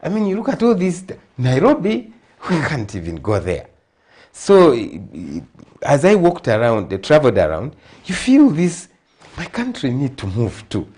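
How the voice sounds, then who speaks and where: The speaker is a middle-aged man with a Zambian accent and a husky, medium-pitched voice at normal speed, appearing on TV as an interview guest consultant. What begins as earnest talk grows emphatic and animated.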